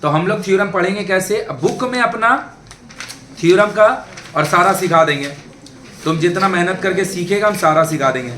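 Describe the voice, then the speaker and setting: A man with a high, sharp voice speaks at a normal pace while teaching a math lesson to a class. He's chatty and keeps checking that his students are following along. The recording has classroom echo and faint background noise.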